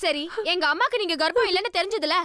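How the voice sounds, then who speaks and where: A woman's voice: extremely high pitch, fast, sharp tone, dry recording, studio quality. An actress playing a young wife in a Tamil Nadu Tamil television serial, speaking in an indignant, consoling way to her sister-in-law. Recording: music score underneath.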